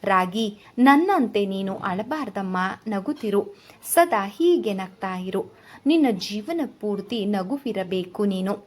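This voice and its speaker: A woman voicing a grieving young mother who speaks softly and tearfully in a storybook reading. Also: medium pitch, expressive, takes it slowly. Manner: tearful, soft.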